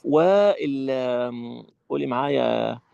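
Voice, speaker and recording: A man with an Egyptian Arabic accent teaching Quran recitation rules in an online training session, animated and demonstrative. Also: mid-range voice, slow pace, gravelly, clear, resonant tone, no echo, muffled recording. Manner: animated, demonstrative, acts out his classroom.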